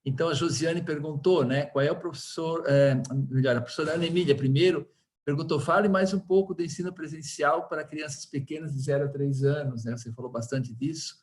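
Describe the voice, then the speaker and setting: A man's voice: fairly high pitch, a little fast, darkish tone. A man moderating a webinar Q&A, reading out audience questions with some hesitant restarts.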